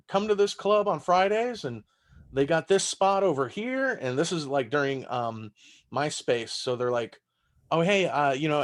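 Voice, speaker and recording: A Texas man in his thirties who grew up speaking German rambles casually as a comedian guest on a podcast, cursing freely. His voice sits fairly high.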